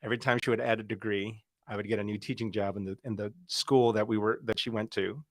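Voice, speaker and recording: A man's voice: lowish voice, fairly even intonation, fast talker, no room sound. Chatty man from South Carolina, dry sound. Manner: chatty, storytelling with acted-out quotes. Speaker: guest. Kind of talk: casual interview chat.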